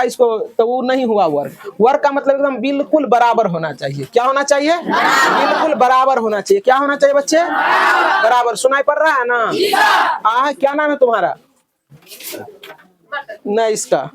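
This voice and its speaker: A middle-aged male math teacher, lecturing a classroom of children and firing questions for them to answer back. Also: very high voice. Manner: loud call-and-response questioning of pupils.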